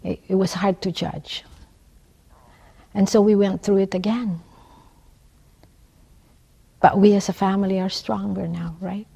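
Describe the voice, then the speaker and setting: Telling her own story in an interview, a Filipino-accented nurse and community activist in her sixties speaks earnestly and emphatically, frequently ending with "right?". She comes from La Union in the Philippines' Ilocos region, and Ilocano is her first language. Her medium-pitched voice is steady, mellow and husky with vocal fry, at a measured pace with frequent pauses.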